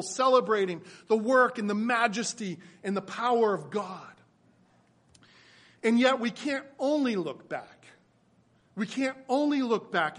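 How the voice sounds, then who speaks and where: A man with a high, light voice preaches to his church. He surges into loud, emphatic declarations and then falls back to quiet, low pleading. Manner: builds to loud emphatic peaks, then drops soft and low. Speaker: pastor. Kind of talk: sermon.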